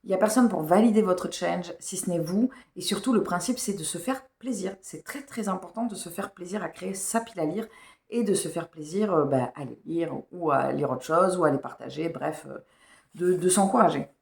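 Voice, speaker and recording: A woman's voice: fairly low pitch, a little fast, gravelly, a little mellow. A woman book vlogger chatting casually and rambling about her reading pile, with slightly unclear diction. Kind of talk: casual chat. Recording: echoey room.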